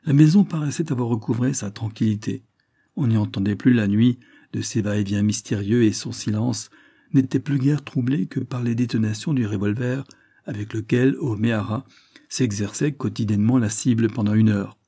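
A man narrating a 1920s adventure novel in a steady, measured audiobook reading. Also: on the low side, no room sound, studio quality. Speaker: audiobook reader.

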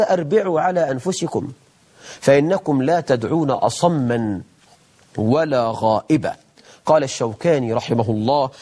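A middle-aged man with an Egyptian accent hosting a religious TV lesson, talking in lively colloquial speech, slowing down to recite verses solemnly. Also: a little high. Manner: lively, mock-imitates people, then slows for solemn recitation. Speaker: TV religious program host, sheikh.

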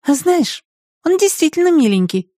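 A woman voicing a bold, perceptive young girl in an audiobook, speaking high and cheerfully. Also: big pitch swings, normal speed, mellow, dry recording, clean studio sound.

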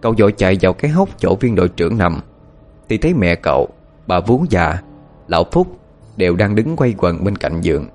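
A man narrating a ghost story as an audiobook, in an expressive, measured storytelling manner. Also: low voice, soft background music.

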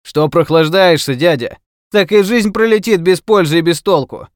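A man voicing a cheerful, zealous house painter with a loud, brisk, bantering way of talking. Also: a little high, animated, dry recording, studio quality, voice pushed up, lightly acted. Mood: hearty.

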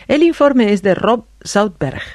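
High-voiced male anchor, dry studio sound. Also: lively intonation, measured pace, darkish tone, no room sound. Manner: formal, read from script. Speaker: news anchor. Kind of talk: scripted news introduction.

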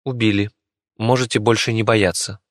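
A man's voice: lowish voice, steady tone, normal speed, no room sound, studio quality, close to an everyday voice. A man voicing a young fox girl in an audiobook, cold and matter-of-fact. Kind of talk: audiobook character voice.

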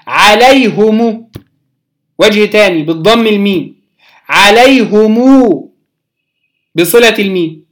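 A teacher with an Egyptian accent giving a Quran recitation lesson, patiently explaining and drawing out each recited example word slowly. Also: mid-range voice, a bit bright. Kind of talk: recorded religious lesson.

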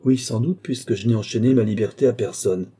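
A man's voice: mid-range voice, brisk, mellow, slightly rough, natural voice. A man voicing a proud, defiant young peasant in an audiobook, in a cool, defiant manner. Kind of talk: audiobook character reading.

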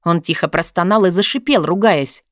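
A woman narrating a first-person story as an audiobook, with a sharp, sarcastic edge. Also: lowish voice, normal speed, no room sound, studio quality.

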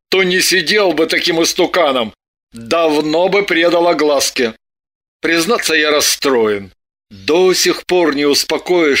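A man's voice: fairly high pitch, bright, forceful tone. A man voicing a bewildered middle-aged husband who keeps defending himself with indignant, theatrical protests.

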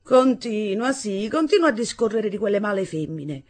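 Drawling, scornful father, put on by a woman, husky and lively. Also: mid-range voice, moderate pace, voice pushed up. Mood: mocking. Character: lazy mocking young father, sprawled in bed.

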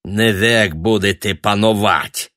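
A man's voice: fairly low pitch, slow, pushed and bright, no room sound, studio quality. A male narrator voicing a grumbling, resentful elderly man who drawls sarcastically in an audiobook. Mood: sarcastic.

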